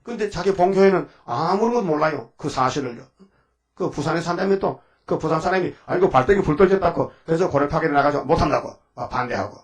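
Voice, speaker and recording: A man with a somewhat high voice preaches a dawn sermon. He rambles and scolds, keeps firing rhetorical questions at the congregation, and drives his points home with heat. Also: lively intonation, fast talker. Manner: heated, scolding. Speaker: pastor.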